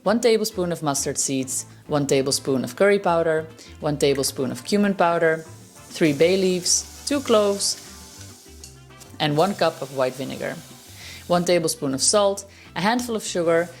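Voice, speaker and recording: A woman hosting a cooking video and walking through a recipe with steady step-by-step instructions. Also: lowish voice, normal speed, faint music behind. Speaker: cooking show host.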